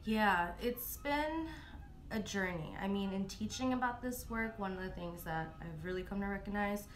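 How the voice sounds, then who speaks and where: A woman's voice: medium pitch, moderate pace, soft background music. A young woman from Michigan talking casually as an interview guest, with frequent "like" and "you know" and easy laughter. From Southeast Michigan, USA. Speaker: guest, anti-racism educator. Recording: echoey room with faint noise.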